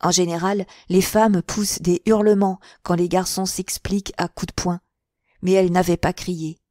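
A woman narrating a classic novel as an audiobook in a clear, measured and expressive way on a close mic. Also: lowish voice, no room sound.

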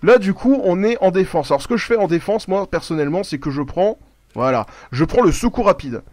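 A man's voice: sits high, expressive, a little fast, darkish tone, no echo. A man giving casual live commentary over his gameplay, rambling, swearing a lot and breaking off to react to the game. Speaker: gaming YouTuber.

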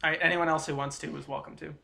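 A man's voice: a little high, flat delivery, racing, creaky, background noise. A man running a tabletop game as game master, narrating with many hesitant fillers.

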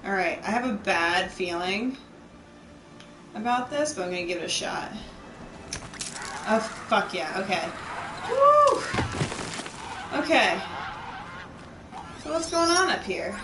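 Playful, foul-mouthed woman streamer, bouncy pitch; distant mic in an echoey room. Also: animated, measured pace, long pauses, background noise. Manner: profane, playful, joking. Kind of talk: casual gameplay commentary.

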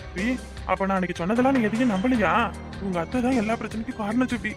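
A woman's voice: mid-range voice, loud music behind the voice, lightly acted. A woman voicing a drunken village father in a cartoon family drama, scolding and self-pitying. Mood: pleading. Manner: rapid, nagging, scolding. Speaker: voice actor.

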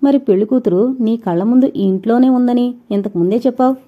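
A woman's voice: on the high side, brisk, natural voice. A woman voicing a proud widowed mother who answers in a stern, indignant way. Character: proud widowed mother, older than her suitor. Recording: dull lo-fi recording.

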